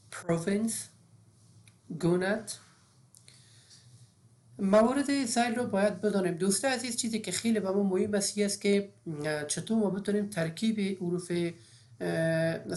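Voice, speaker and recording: A woman's voice: mid-range voice, a little mellow. A woman, teaching an English phonics lesson step by step with frequent fillers.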